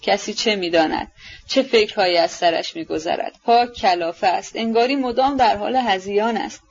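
A woman's voice: medium pitch, husky. A woman reading aloud, voicing a bitter, jealous, brooding young man who talks bluntly and intensely, in an audiobook. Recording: dull lo-fi recording.

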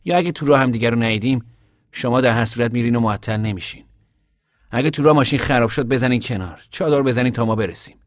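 A man voicing a steady, practical young man who lays out plans in an audiobook reading. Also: medium pitch, no room sound, clean studio sound, pitched above the performer's own voice, natural voice. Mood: explaining. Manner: level-headed, explaining plans. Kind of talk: audiobook character voice.

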